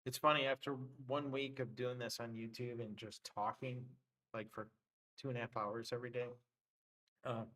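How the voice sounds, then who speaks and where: Male livestream host with a worn voice, loose filler-heavy chart talk, mid-range pitch. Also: level tone, moderate pace, sharp tone, rough recording. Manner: loose, thinking aloud with many fillers. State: voice getting worn. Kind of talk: casual live trading commentary.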